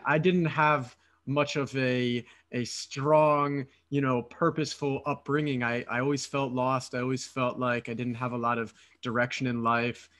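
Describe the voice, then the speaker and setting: A man in his thirties from Philadelphia hosts a laid-back podcast interview over a video call, sitting in an apartment room with a headset. At a moderate pace he talks eagerly in long runs with hardly any pauses and some fillers, his medium voice level and fairly bright.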